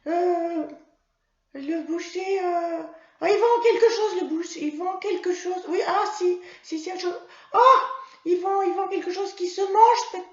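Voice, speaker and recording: A woman voicing a small eager child pupil who answers in hesitant, drawn-out words. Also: extremely high pitch, dark tone, voice pushed up. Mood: puzzled. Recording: roomy, slightly dull home recording.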